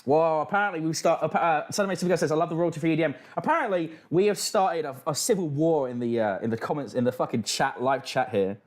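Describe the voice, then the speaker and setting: Sweary British man hosting a livestream, higher-pitched voice. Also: quick pace, hardly any pauses. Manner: sweary, mocking banter. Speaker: livestream host. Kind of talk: casual reaction stream commentary, reading out chat.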